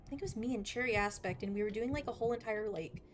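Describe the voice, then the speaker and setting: A woman chatting casually on a gaming livestream, excitable and giggly, given to exclaiming. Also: medium pitch, rapid-fire. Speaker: game livestream host. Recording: clear background noise.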